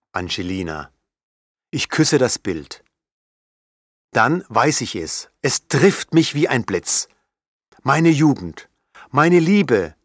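Slow, intense male narrator. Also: mid-range voice, no room sound, studio quality. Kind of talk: first-person audiobook narration.

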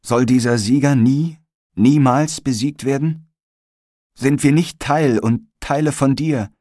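A man's voice: medium pitch, slow pace, warm tone, dry recording, studio quality, voice pushed up, lightly acted. A man voicing a dying young woman who cries out to God in impassioned, rising pleas. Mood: anguished pleading. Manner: impassioned, rising pleading outcry.

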